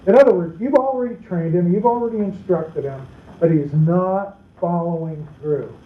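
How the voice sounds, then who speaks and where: A man, a pastor, teaches a parenting class in a lively, higher-pitched voice. He acts out family scenes as he explains. The sound is thin and phone-like, with a roomy echo. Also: moderate pace. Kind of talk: practical seminar teaching. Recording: tinny, roomy echoey seminar recording.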